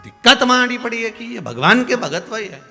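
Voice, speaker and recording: Bright-voiced man preaching in an echoing hall. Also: very high-pitched, sing-song, normal speed, vocal fry. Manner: storytelling, rising to emphatic outbursts. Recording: echoey hall with music behind.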